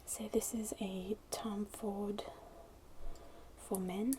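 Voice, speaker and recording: Very softly and very slowly, an ASMR creator whispers a casual, hesitant chat to viewers in a breathy, medium-pitched voice with a flat delivery. She's indoors at a wooden table, where fingernails tapping and scratching a glass bottle create clicky noise over her close voice.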